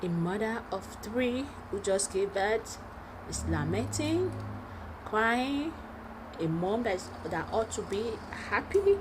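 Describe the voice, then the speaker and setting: Pleading, slow-talking woman channel host. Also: medium pitch, very animated. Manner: pleading, repetitive, emphatic. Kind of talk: channel intro and appeal to viewers. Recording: noisy background.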